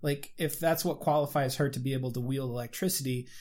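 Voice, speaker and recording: A man in casual conversation reviewing a movie, animated and full of fillers and restarts. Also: medium pitch, fast talker.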